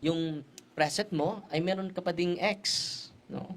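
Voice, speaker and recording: A male priest preaching a sermon who tells stories and keeps adding quick tag questions, switching languages as he goes. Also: high-pitched, slight background noise. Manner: storytelling with frequent tag questions; mixes Tagalog, Cebuano and English.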